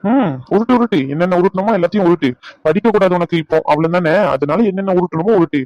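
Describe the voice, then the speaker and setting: A man's voice: high voice, fast talker, darkish tone, no room sound, close to an everyday voice. A man playing a bossy teasing young doctor. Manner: teasing, scolding banter. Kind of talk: dubbed serial drama. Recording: dull dry recording.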